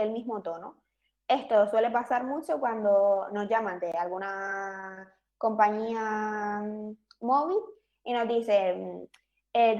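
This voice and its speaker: A woman's voice: medium pitch, darkish tone, muffled recording. A woman presenting an online psychology workshop, explaining in a conversational way with fillers and small restarts.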